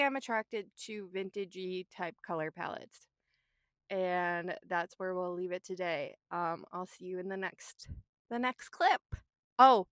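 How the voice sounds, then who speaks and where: A woman's voice: medium pitch, fairly bright tone, clear, resonant tone, no echo. A young woman vlogging from her car, talking in a rambling, candid way and swearing casually. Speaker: vlogger and artist. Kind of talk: casual chatty vlog. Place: inside a parked car.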